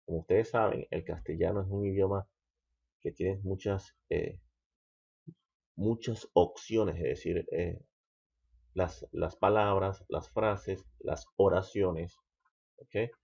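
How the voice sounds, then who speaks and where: Deep raspy guy teaching grammar slowly, kinda husky, keeps checking in. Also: steady tone, darkish tone, lo-fi sound. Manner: slow, patient, repeats "¿ok?" often. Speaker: English teacher. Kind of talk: explaining grammar.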